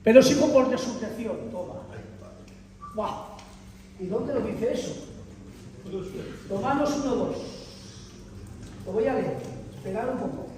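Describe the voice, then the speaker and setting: Male preacher, very high voice, lively and emphatic, distant in a reverberant church hall. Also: a little slow, long pauses, slight background noise. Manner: animated, emphatic, addresses congregation as brothers. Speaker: visiting preacher. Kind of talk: sermon. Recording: echoey hall, mic far off.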